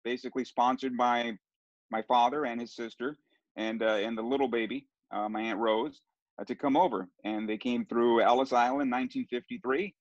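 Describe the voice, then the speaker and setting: A middle-aged Southern Californian man, a sports broadcaster appearing as a guest, tells his story in a casual interview. His voice is medium-pitched with fairly even intonation and a normal pace, but he rambles, restarting often and using plenty of fillers. The recording is close and dry, with a slightly dull, muffled tone.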